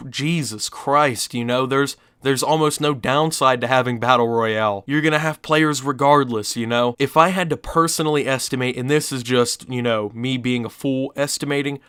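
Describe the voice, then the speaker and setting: Sick young guy doing gaming commentary, rambly, smooth close dry mic. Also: mid-range voice, moderate pace, hardly any pauses, a bit bright, no room sound. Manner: rambling, full of fillers like "you know" and "I guess". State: sick, stuffy voice. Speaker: gaming YouTuber. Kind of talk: casual commentary over gameplay.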